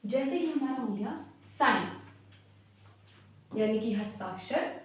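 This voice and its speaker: A young woman gives a step-by-step pronunciation lesson, spelling each word out letter by letter. Her voice sits fairly high. She is recorded from a distance in a very echoey room. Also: expressive, slow pace. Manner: explains step by step, spells words out letter by letter, keeps saying "guys". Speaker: English teacher. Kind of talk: Hindi-language English pronunciation lesson.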